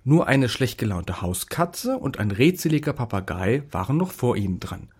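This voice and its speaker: A man reading a children's story aloud in a lively, expressive way. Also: mid-range voice, normal speed, breathy edge.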